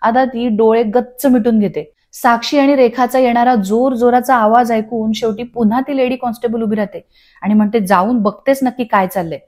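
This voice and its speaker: A woman narrating a scripted voice-over recap of a TV serial, telling the scenes in a steady storytelling way. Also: a little high, moderate pace. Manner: steady storytelling, reading dialogue aloud. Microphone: studio voice-over.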